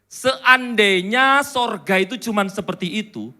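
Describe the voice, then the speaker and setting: A pastor preaching in church, joking and chatting with the congregation between points. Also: male voice, high voice, a little slow, bright, forceful tone. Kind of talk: sermon.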